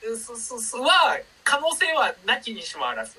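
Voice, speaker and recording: Podcast panelist, casual chat, frequent agreeing backchannels, bright, animated pitch. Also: fairly quick, recorded from a distance, a little hiss or hum, rough recording. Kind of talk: casual chat about a film.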